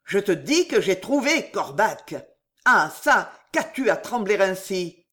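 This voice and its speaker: Reader voicing a gruff blustering old soldier. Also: medium pitch, big pitch swings, takes it slowly. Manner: loud, swearing, hearty exclamations. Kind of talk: audiobook character reading.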